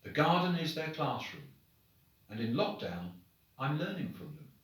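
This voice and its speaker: This is expressive storybook reading for children: a man with a mid-range voice, sounding like a headmaster addressing pupils, phrases each line deliberately and dramatically with lively animation. Heavy echo fills the room, and the distant mic leaves him sounding set back.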